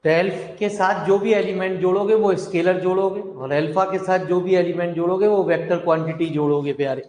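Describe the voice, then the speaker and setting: A male math teacher giving a classroom lecture, speaking slowly and repeating himself while dictating notes to his students. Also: high voice, steady tone, darkish tone. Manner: slow and repetitive, dictating notes, affectionate address to students. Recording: echoey hall.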